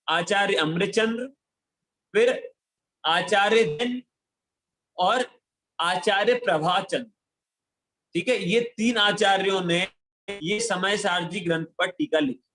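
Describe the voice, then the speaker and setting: A man's voice: high-pitched, fairly bright tone. A man teaching a children's scripture class, calling on pupils by name, quizzing them and coaxing them to answer aloud, slipping English words and numbers into his talk.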